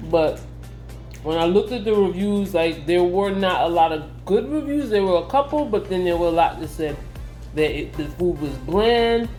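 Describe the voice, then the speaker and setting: A woman talks casually to her camera as a vlogger. Her voice sits a little low and has a dark, relaxed tone. She speaks in a loose, conversational way, with faint music behind her. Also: normal speed. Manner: conversational, frequently saying "like".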